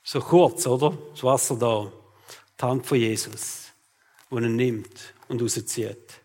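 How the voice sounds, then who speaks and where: A man's voice: medium pitch, slow, darkish tone, big-room sound. A man, preaching a sermon as pastor and talking straight to his listeners, often tagging his sentences with "oder?". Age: 40s.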